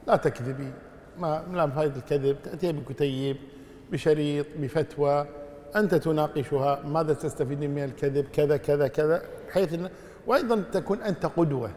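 A male Islamic scholar takes listeners' questions, his replies measured and full of pious formulas. He talks at a quick clip in a fairly high voice. A long hall reverb trails after him. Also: mellow. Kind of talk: religious Q&A lesson.

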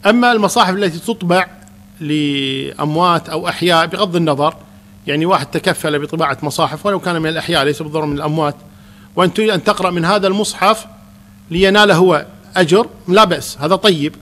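A man, a Quran teacher calmly answering questions in a religious lesson. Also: a little high, racing.

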